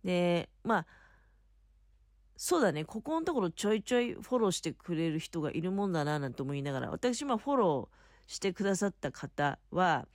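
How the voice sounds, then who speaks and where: A woman with a slightly low voice and very lively intonation chats casually and solo, like a host talking to regular listeners. She explains things politely and emphatically, recorded close and dry from her bed. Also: normal speed, dry recording. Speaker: podcast host. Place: in bed under a futon at home.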